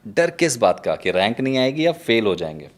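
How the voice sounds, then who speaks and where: A man's voice: medium pitch, sing-song, normal speed. A man hosting an interview, asking questions with enthusiasm and turning to speak to the audience. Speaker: interview host. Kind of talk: conversational interview.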